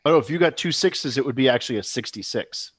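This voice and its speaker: Mid-pitched man at a tabletop game. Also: expressive, fast, slightly rough. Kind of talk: casual talk and rules read-out.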